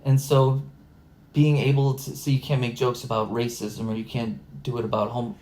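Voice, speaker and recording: A young man with a Chicago accent, a film editor talking casually as a guest, earnest and halting with many fillers. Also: medium pitch, level tone, darkish tone. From Chicago area, US. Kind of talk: casual conversation.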